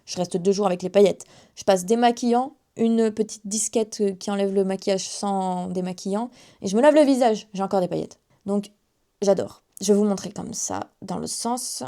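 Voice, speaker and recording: A woman's voice: medium pitch, normal speed, dark tone. Chatty young French-speaking woman vlogging. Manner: chatty, self-mocking asides. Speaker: beauty vlogger. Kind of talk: casual makeup haul chat to camera.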